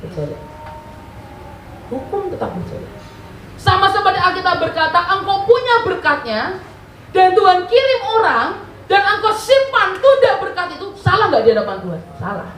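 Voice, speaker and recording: A woman's voice: very high-pitched, normal speed, a little hiss or hum. A woman preaching a sermon, telling stories and asking the congregation questions that she answers herself. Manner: animated storytelling with call-and-response questions. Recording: echoey hall, mic at a distance.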